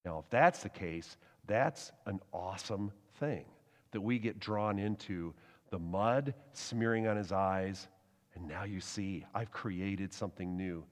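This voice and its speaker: A man preaching a sermon, telling the story in a lively, animated way with laughs and acted-out quotes. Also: deep voice, measured pace. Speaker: pastor. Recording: long hall reverb.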